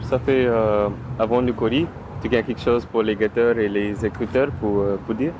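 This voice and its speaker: A man with a fairly low voice and a Louisiana French accent hosts a casual interview. A faint outdoor rumble sits behind his voice. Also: steady tone, moderate pace. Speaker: show host.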